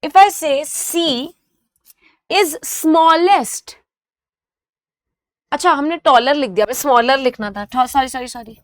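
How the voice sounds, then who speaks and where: A woman with an Indian accent teaching a grammar lesson, slow and careful in English and rapid in Hindi, spelling out letters and repeating example words. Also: high voice, no room sound.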